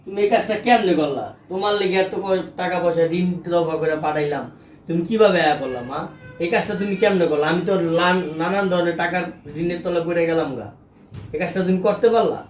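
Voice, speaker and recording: A man playing a fast-talking indignant son. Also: sits high, soft background music, close to an everyday voice. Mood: reproachful. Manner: rapid, agitated scolding in dialect. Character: indebted adult son, defensive and scolding. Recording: echoey room, far from mic, faint noise.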